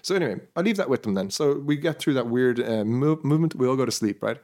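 A man's voice: medium pitch, expressive, fast talker, darkish tone. A man co-hosting a podcast, spinning a rambling story in casual chat with many restarts. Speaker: podcast co-host.

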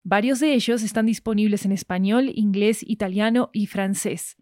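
A woman from Argentina with an Argentine accent, hosting a podcast and reading a friendly, brisk announcement. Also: mid-range voice, a little mellow, no room sound, studio quality. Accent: Argentine Spanish. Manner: brisk, friendly promo read. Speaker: podcast host. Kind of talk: read sponsor announcement.

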